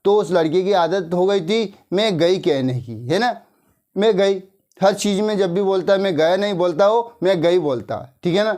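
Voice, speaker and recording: A man's voice: high voice, darkish tone. A male English teacher from India giving a grammar lesson, talking casually, telling a moral story and checking in with his listeners again and again. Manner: conversational, repeats tag questions, slows down to dictate.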